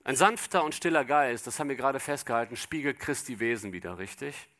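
A man's voice: medium pitch, pushed and bright. A man preaching an expository sermon, speaking straight to the congregation and asking them rhetorical questions. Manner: reads scripture aloud slowly.

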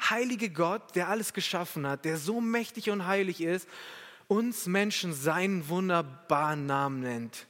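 A man's voice: high-pitched, fairly bright tone. A male preacher giving a sermon, emphatic and speaking straight to his listeners. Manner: emphatic, addresses the listeners directly. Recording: echoey hall.

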